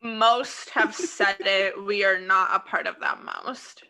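A woman's voice: mid-range voice, steady tone, slow pace, creaky, pushed and bright. A woman with a Des Moines, Iowa accent, co-hosting a podcast with playful, teasing jokes. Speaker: podcast co-host. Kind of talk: casual comedic chat.

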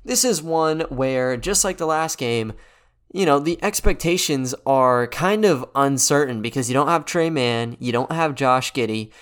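A man hosting a sports podcast, giving a casual, conversational game recap in a quiet but clear voice. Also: mid-range voice, expressive, measured pace. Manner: conversational, loosely unscripted. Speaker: podcast host.

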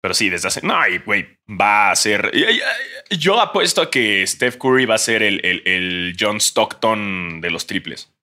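A man's voice: on the low side, very animated, a little slow, bright, forceful tone. A young man with a Mexican accent, co-hosting a podcast in joking, slangy banter. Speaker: podcast co-host. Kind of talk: casual chat.

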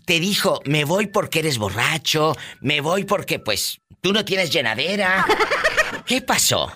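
A man's voice: fairly high pitch, wildly swooping pitch, slow, very noisy. A man from Tamaulipas, hosting a live radio call-in show in a flamboyant, teasing, campy way. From Tamaulipas, Mexico. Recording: music playing behind.

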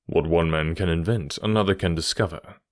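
Voicing a stern, classic storybook English detective, a male narrator sounds very deep and self-assured, with a natural voice and quiet authority. He talks a little fast, in a mood that is cool and grave. The close recording is dry.

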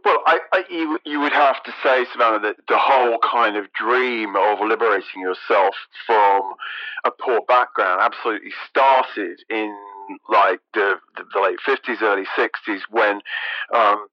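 A man's voice: fairly low pitch, moderate pace, dry recording, lo-fi sound. A middle-aged man, a music journalist talking as a guest in an interview, thoughtful and hesitant, often restarting his sentences. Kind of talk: casual interview talk.

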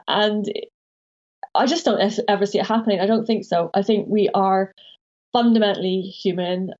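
Woman, author guest, warm and mellow, earnest, thinks aloud, dullish lo-fi recording. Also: medium pitch. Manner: thoughtful, earnest, self-correcting. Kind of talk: podcast conversation.

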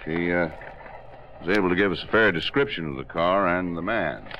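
A man's voice: sits low, moderate pace, dull audio, slight background noise, close to an everyday voice. A man playing a terse, matter-of-fact police robbery sergeant in 1950s radio drama style.

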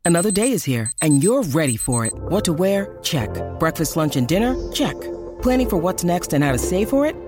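Brisk ad voice over loud music. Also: medium pitch, big pitch swings. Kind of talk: scripted ad read over music.

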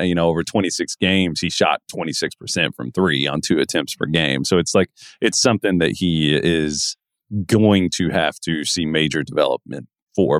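Deep-voiced man, thoughtful chat. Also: no echo, clean studio sound. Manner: thoughtful, hedging, many fillers. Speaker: podcast co-host, draft analyst. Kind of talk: casual basketball chat.

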